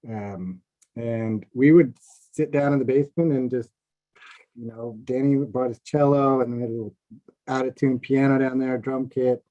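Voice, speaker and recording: Relaxed, rambling middle-aged man on a call. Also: medium pitch, normal speed. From Seattle, USA. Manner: relaxed, rambling with many fillers. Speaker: film composer guest. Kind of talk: casual video-call chat. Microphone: video call. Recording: dull lo-fi call audio.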